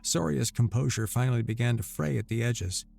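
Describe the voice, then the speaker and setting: A man narrating a scripted sci-fi romance story in a steady storytelling voice. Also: medium pitch, fairly quick, vocal fry. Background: faint music.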